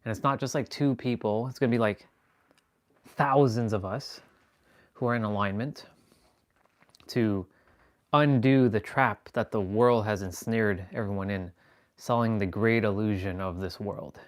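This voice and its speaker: A man's voice: on the low side, a little slow, long pauses. A man hosting a live stream, talking in a rambling, self-assured spiritual monologue and restarting sentences as he goes.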